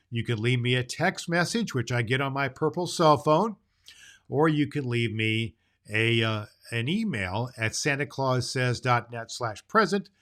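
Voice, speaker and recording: A man's voice: medium pitch, a bit bright. A man playing a jolly, grandfatherly old Santa Claus, hosting a children's show in a folksy, emphatic way. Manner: folksy, emphatic, drawn-out phrases with hearty ho-ho-hos. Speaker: show host.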